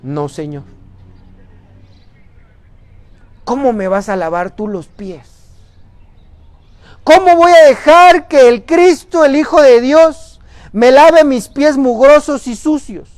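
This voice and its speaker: A man preaching in voices the apostle Peter, a rough humble man, in a strained, pleading, high and loud voice. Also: animated, slow, no room sound, heavily acted. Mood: protesting.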